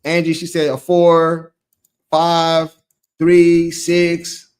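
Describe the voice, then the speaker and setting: High-voiced man hosting a sports chat. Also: monotone, extremely slow, clean tone. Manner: loose, rambling, repeats himself. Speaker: host.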